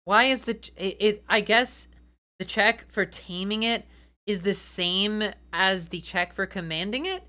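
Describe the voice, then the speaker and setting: A woman giving animated comedic commentary as she reads out game rules, sardonic and incredulous, with emphatic, dramatic asides. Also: mid-range voice, a little slow. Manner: sardonic, incredulous, swears freely. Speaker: voice actor reviewing tabletop game homebrew.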